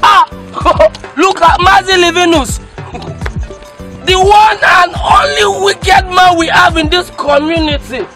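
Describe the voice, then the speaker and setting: A man with a Nigerian accent playing a loud, mocking village drunkard in a film. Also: very high voice, fairly even intonation, slow. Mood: drunken mocking. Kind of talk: film acting. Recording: music playing behind.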